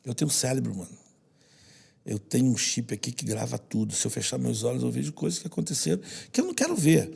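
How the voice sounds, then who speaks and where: A Brazilian man who leads a social project tells personal stories as a podcast guest in conversation, earnest and heartfelt, sometimes dropping to a soft hush. His mid-range voice is gravelly and very husky, and he speaks animatedly at a quick pace.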